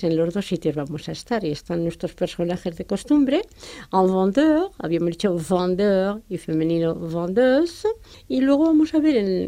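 Patient woman teaching slowly. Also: medium pitch, mellow, no room sound. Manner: patient, didactic, repeats example words slowly. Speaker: French teacher. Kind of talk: explaining French pronunciation and grammar in Spanish.

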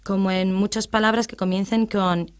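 A woman explaining English grammar in a radio lesson, patient and methodical, reading out English examples slowly. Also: medium pitch, fairly even intonation, clean tone.

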